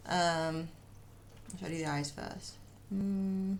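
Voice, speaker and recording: A woman's voice: lowish voice, fairly even intonation, slow, a little hiss or hum. A woman streaming as she draws, chatting casually, muttering to herself and answering her chat.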